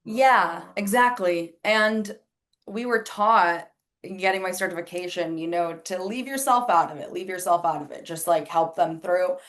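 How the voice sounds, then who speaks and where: As a podcast guest in a casual interview, an astrologer and life coach who grew up speaking Spanish talks in a chatty, candid way, peppering her speech with "like" and performing quoted remarks. Her voice is fairly low and a bit bright, at a normal pace.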